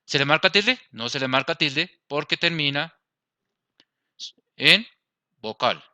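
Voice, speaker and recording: A Colombian man teaches a grammar lesson, walking through each rule step by step and checking that his class is following. His voice is very bright and smooth. The recording is close and dry. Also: a little high, expressive, slow pace, no room sound. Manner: explains step by step, asks the class "¿listo?". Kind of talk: grammar lesson over slides.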